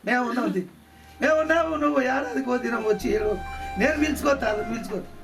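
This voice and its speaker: A man's voice: very high-pitched, racing, vocal fry. A man, repeatedly soothing and comforting a crying relative in a village short film. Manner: soothing, repetitive, pleading. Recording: distant mic with loud background music.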